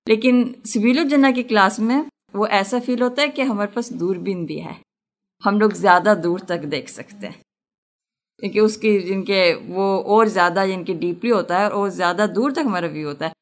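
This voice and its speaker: A woman student speaking up in her class to share a personal reflection. She talks earnestly and explains her point through a homely everyday comparison. Her voice sits at a middle pitch.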